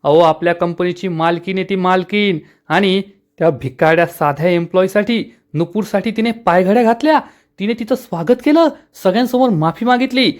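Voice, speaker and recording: A man's voice: fairly even intonation, normal speed, smooth, natural voice. A man voicing a meddling middle-aged mother who complains indignantly. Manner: indignant, complaining, raised pitch.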